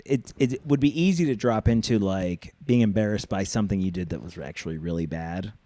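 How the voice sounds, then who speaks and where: A man's voice: fairly low pitch, fairly quick, dark tone, dry recording. A man hosting a podcast, talking in a laid-back, rambling way and getting the hiccups. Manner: laid-back, rambling, puts on silly animal voices. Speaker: podcast host. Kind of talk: casual chat.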